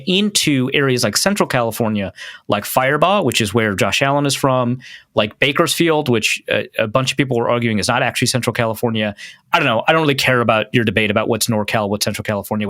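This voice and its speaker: A man's voice: medium pitch, fairly bright tone, no echo, clean studio sound. A man with a Midwestern accent chatting casually as a podcast host, rambling with lots of fillers and restarts. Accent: Midwestern American.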